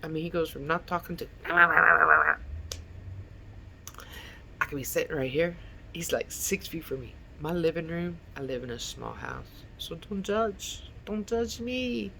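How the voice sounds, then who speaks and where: A woman's voice: deep voice, vocal fry, slight background noise. A middle-aged woman speaking candidly and emotionally into her phone at home, as a confessional vlogger. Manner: emotional, swinging between animated venting and tearfulness. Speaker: vlogger and mother. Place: living room of a small house.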